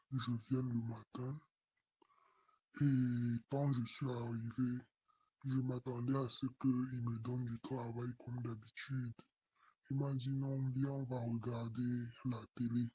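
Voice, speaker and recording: A young man in his late teens, his voice altered by a voice changer, reading a personal testimony in a halting way. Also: medium pitch, slightly rough, no echo, highs cut off. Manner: slow, flat, halting delivery. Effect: voice changer disguising the voice.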